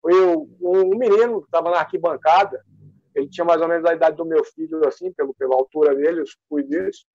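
A man's voice: a little high, lively intonation, fast talker, gravelly, darkish tone, no echo, muffled recording. A man being interviewed as an athlete. He tells stories casually and with energy, rambling and using many fillers. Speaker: guest athlete.

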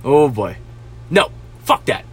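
A man's voice: mid-range voice, sing-song, slow pace, breathy edge. A man hosting a podcast, ranting furiously about restaurant customers, swearing constantly and stammering when angry. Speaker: podcast host and restaurant cook.

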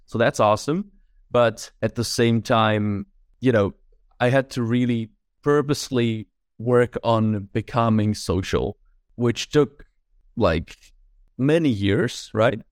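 A young Czech man, a filmmaker in his twenties from the Czech Republic, speaks slowly in a medium-pitched voice as a podcast guest. The casual interview chat is recorded at studio quality with no echo. He is thoughtful and relaxed, with lots of fillers like "like" and "right?".

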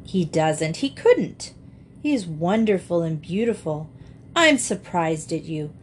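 A woman reading aloud voices a lively, confident young girl who speaks blithely and with impatient scorn. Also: on the low side, takes it slowly, a little hiss or hum. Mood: scornful.

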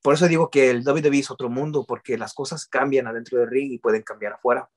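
A man's voice: mid-range voice, steady tone, fast. A man, telling his story in a casual interview, often restarting and dropping English words into his speech.

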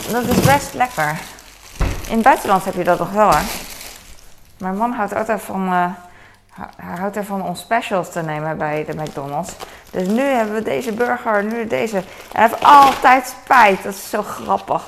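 A woman's voice: fairly low pitch, slight background noise. A woman in her thirties vlogging casually at home, rambling and chatty with many fillers. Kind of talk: casual chore vlog chat. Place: at home, in the kitchen.

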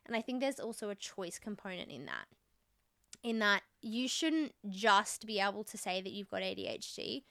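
Young woman hosting a podcast, bright voice, dry close sound, chatty and candid. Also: medium pitch, clean tone, no room sound. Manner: candid and chatty, with frequent fillers. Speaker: podcast host. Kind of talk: casual podcast chat.

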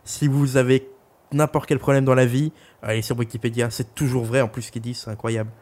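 A man's voice: mid-range voice, flat delivery, brisk, a little mellow. Young guy rambling about songs, lots of euh, swears for laughs. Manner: joking, crude, rambling with many fillers. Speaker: podcast co-host reviewing an album. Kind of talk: casual chat.

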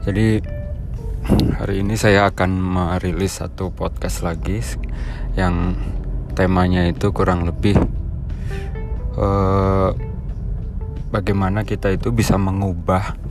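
Male podcast host, deep-set gravelly hoarse voice, informal explanatory delivery, music underneath. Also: little pitch movement, a little slow, pauses often. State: hoarse today. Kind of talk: informal solo podcast talk to colleagues.

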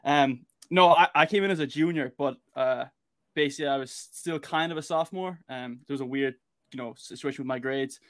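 A man's voice: mid-range voice, fairly quick. A man from Galway with a west of Ireland accent, talking informally and rambling a little as a guest on a casual podcast. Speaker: interview guest, American football player.

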